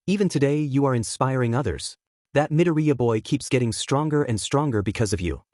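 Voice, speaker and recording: A devoted young woman, affectionate and tender with her lover, as a man reads her in a storybook. Her lines swing through a lively range in a dry, close recording. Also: medium pitch, a little fast, no echo, lightly acted.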